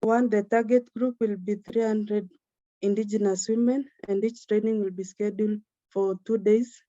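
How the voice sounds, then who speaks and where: A woman presenting a prepared plan in a steady, formal, list-like reading. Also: medium pitch, moderate pace, no room sound, muffled recording.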